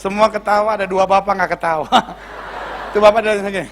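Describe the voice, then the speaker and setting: A man's voice: sits high, fairly even intonation, fairly quick, a little hiss or hum. A male pastor preaching a sermon in church, joking and teasing the congregation.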